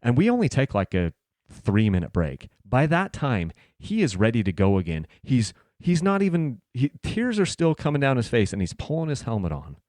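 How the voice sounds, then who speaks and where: A man hosting a podcast, telling a personal story casually and earnestly, dropping soft and low in tense moments. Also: no echo, studio quality. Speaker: podcast host.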